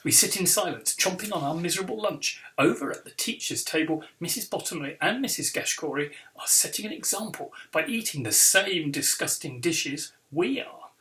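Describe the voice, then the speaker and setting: Man reading a children's book aloud, expressive, lively pitch, bright voice. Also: normal speed. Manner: expressive storytelling. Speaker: author and illustrator.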